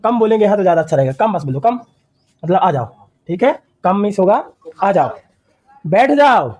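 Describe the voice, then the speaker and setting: A man's voice: high-pitched, sing-song, a little fast, darkish tone, poor audio. Man drilling English phrases. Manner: drills phrases word by word, quizzing the class. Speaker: English teacher. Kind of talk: classroom lesson.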